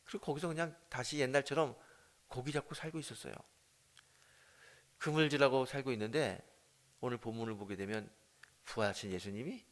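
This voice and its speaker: Dramatic Korean pastor preaching at dawn. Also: male voice, medium pitch. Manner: dramatic storytelling with swings in loudness. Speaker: senior pastor. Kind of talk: dawn prayer sermon. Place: church sanctuary.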